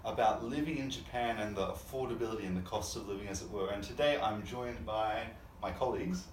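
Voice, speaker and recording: A man's voice: lowish voice, a little fast, a little hiss or hum. Young guy from australia hosting a chat, lots of um and uh, roomy sound, bit far off mic. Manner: relaxed, chatty, many fillers. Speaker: host. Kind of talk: casual panel chat. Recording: echoey room, mic at a distance.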